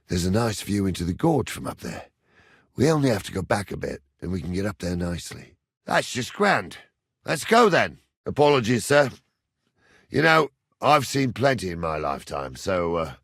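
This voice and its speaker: In this medieval video game dialogue, a gruff old soldier with a wildly swooping pitch talks in a rustic, salty manner, bossing youngsters around with crotchety impatience. It's a full character voice, recorded dry with no room sound.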